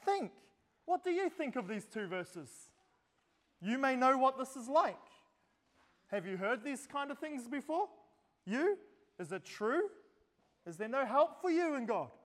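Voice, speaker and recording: A man preaching a sermon in English whose first language is Norwegian, earnestly asking the congregation direct questions. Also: very high-pitched. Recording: long reverb in a large hall.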